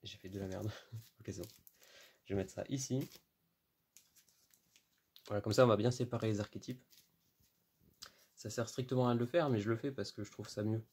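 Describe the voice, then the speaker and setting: A man talks through his card collection in a relaxed, chatty way, often laughing at himself and filling pauses with "euh". His voice sits fairly low and sounds warm and mellow. He is picked up by a camera mic while he moves around. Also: breathy edge. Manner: chatty, self-deprecating, laughs often, many fillers. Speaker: card game vlogger. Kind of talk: casual card unboxing commentary. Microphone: camera mic, moving around.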